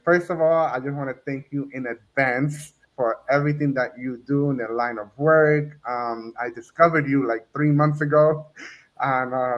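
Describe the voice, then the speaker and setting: A chatty male host from New Jersey leads a relaxed interview, laughing easily and filling gaps with ums. His voice sits at a middle pitch. The recording sounds muffled and lo-fi. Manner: chatty, laughs often, many fillers. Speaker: podcast host. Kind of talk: casual interview.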